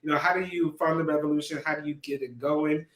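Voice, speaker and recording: A man's voice: fairly high pitch, steady tone, fast, a bit bright. A man hosting a casual livestream, loose and informal, laughing often as he talks. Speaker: show host. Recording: echoey room.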